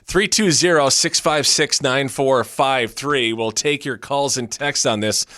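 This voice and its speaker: Radio host, man, mid-pitched, relaxed banter, dry mic. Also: a little slow, dry recording. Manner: easygoing, plugs the call-in line. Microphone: studio microphone.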